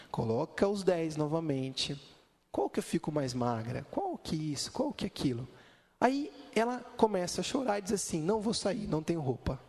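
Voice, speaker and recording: A man preaches in a large church hall, his voice slightly high and carried by a long reverb. He tells stories with animation and acts out the people in them. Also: darkish tone. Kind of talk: sermon.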